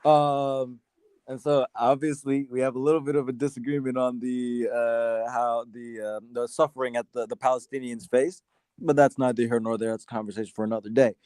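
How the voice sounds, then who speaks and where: A man from Sudan arguing his side in a casual debate, halting often with fillers and restarts. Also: medium pitch, little pitch movement, a little mellow, clean tone, dry recording. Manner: hesitant, many fillers and restarts. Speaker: debate guest.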